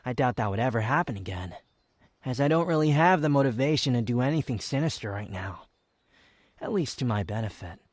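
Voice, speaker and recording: A man performs a haughty young male wanderer with a sardonic edge, made for intimate roleplay audio. His phrasing is formal and halting, with lively, swooping intonation. The sound is close and very dry. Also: medium pitch, dry recording, lightly acted. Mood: smug, menacing. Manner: haughty, formal wording, halting, sighs and scoffs. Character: aloof, proud, sardonic young male wanderer confessing reluctant affection. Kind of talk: intimate scripted roleplay ASMR, fan audio drama.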